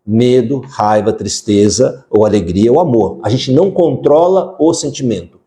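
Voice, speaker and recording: A man with a mellow, relaxed tone and a mid-range pitch speaks to his viewers in a live stream. He talks in a loose, conversational way and keeps putting direct questions to them. He fills the gaps with casual verbal fillers. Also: normal speed. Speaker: parenting educator hosting a live stream. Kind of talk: live-stream talk answering viewer comments.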